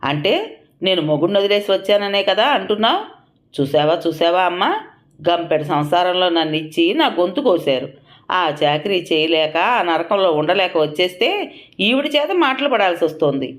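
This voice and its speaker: A woman's voice: lowish voice, normal speed, lightly acted. A woman voicing a self-pitying sister-in-law who complains tearfully. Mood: aggrieved.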